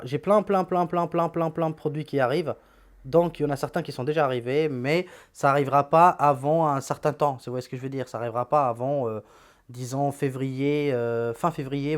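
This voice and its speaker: A man's voice: on the high side, brisk. A tech YouTuber walking through the apps on his phone in a chatty, blunt, slangy way, often repeating words. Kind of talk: casual phone app walkthrough.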